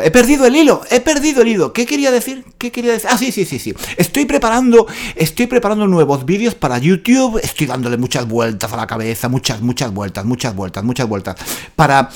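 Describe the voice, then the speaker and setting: A man hosting a podcast for learners, talking casually at home in a playful, self-mocking way and repeating his phrases. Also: on the high side. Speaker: Spanish-learning podcast host.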